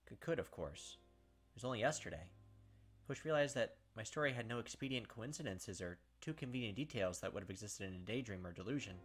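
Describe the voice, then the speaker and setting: A husky, somewhat low, slightly bright male voice hosts a let's play, reading the story aloud and chatting in a relaxed way. The commentary is chatty and crammed with filler words, "like" above all.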